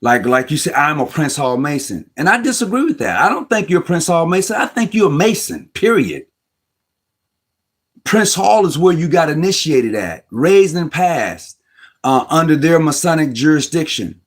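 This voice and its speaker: Hosting an informal Masonic discussion, a man argues his view emphatically in a slightly high, sing-song voice at normal speed, with a slightly rough sound. He stumbles and restarts words as he thinks out loud.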